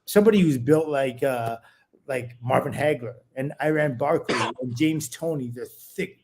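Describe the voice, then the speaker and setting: A former boxer with a mid-range voice co-hosts a boxing talk show, explaining things at length in casual chat at a moderate pace. He rambles and keeps restarting mid-sentence, and there's background noise.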